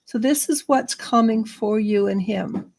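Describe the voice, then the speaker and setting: A woman's voice: fairly high pitch, measured pace, gravelly, darkish tone. A woman giving live tarot readings in a chatty way, laughing now and then. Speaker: psychic reader.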